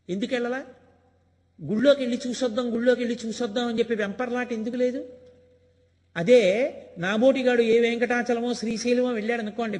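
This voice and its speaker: High-voiced older man preaching in a hall. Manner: storytelling, emphatic and rhetorical, acting out quoted lines. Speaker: spiritual discourse speaker. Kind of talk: Telugu religious discourse.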